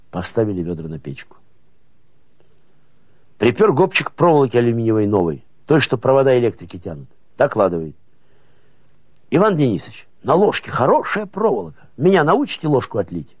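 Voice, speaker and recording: A man narrating prose as an audiobook, with expressive folksy storytelling rhythm. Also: lowish voice, breathy edge, no echo, highs cut off.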